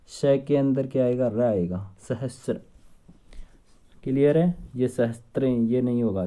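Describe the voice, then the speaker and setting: A man's voice: mid-range voice, mellow. A man teaching an exam-prep spelling lesson, asking questions and answering them himself. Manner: drills students with repeated questions and answers.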